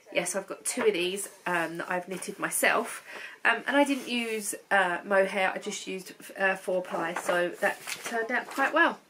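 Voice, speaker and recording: This casual to-camera chat comes from a knitting vlogger in her thirties, lounging on the sofa in her living room with a cold-blocked nose. The recording is rough with slight background noise, and her medium-pitched, slightly bright voice rambles along full of ums.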